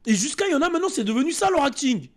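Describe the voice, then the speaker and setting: Casting: high-pitched man, animated rant, loose swearing, quick mimicry. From France. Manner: animated, rants and mimics voices, swears often. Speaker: streamer reacting to a trailer. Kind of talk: casual reaction commentary.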